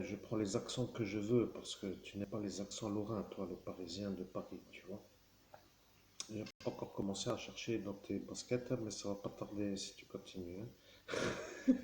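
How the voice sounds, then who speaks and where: A man's voice: fairly low pitch, warm tone. A man giving a rambling monologue straight to the viewer, constantly checking in with the listener and wandering off track with fillers and self-corrections. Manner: rambling, keeps addressing the listener with "tu vois". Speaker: vlogger. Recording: roomy echo with faint background noise.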